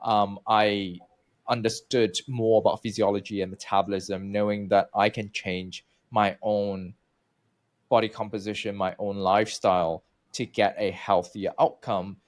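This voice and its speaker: A man's voice: fairly low pitch, level tone, a little slow. A man from Malaysia in his thirties, telling his own story as a researcher guest in an interview, chatty with many fillers and restarts.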